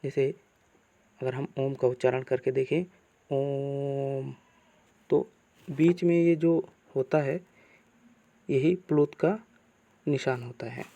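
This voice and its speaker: A man teaching a grammar lesson, asking questions and answering them himself in slow, repeated teacherly phrasing. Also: mid-range voice, gravelly, warm tone, lo-fi sound.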